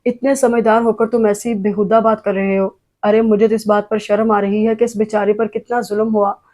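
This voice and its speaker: A woman voicing a stern middle-aged father who scolds his son, read in her own even voice. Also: mid-range voice, moderate pace, lightly acted. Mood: reproachful. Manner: reproachful, then softening.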